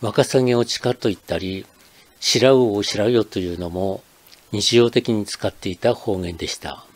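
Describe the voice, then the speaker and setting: An older man from Akita, Japan, hosts a channel and reads scripted narration in a measured, explanatory manner. His voice is fairly low in pitch.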